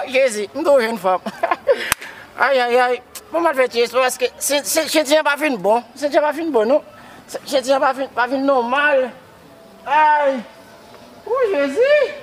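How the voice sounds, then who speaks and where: A man's voice: very high-pitched, a little hiss or hum. A man with a Haitian accent playing a grief-stricken widower who sobs, wails and keeps calling out to Jesus. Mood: wailing. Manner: repeats words, cries out to Jesus. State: wailing and sobbing. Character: grief-stricken man mourning his dead wife.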